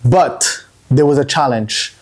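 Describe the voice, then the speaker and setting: Taking it slowly in a mid-range voice, a guest from Montreal, Canada, shares his entrepreneurial story on a casual podcast interview. He rambles chattily, looping back and repeating words.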